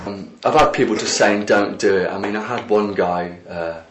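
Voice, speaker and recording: A man's voice: on the low side, normal speed, slight background noise. A man chatting casually in a documentary interview, rambling with lots of "like" and "you know". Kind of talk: casual recounting. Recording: echoey room.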